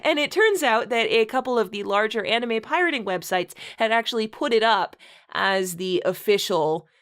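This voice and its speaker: Her voice sits on the high side, fairly bright and clean, at a moderate pace. She hosts and reads a comedic read-aloud with casual chat, giggling and breaking into laughter as she goes.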